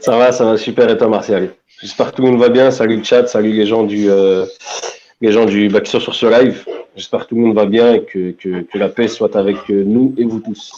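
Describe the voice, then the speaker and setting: A man who is a regular co-host of a live stream, greeting the audience loudly and cheerfully. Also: fairly low pitch, steady tone, a little fast, dull audio, slight background noise.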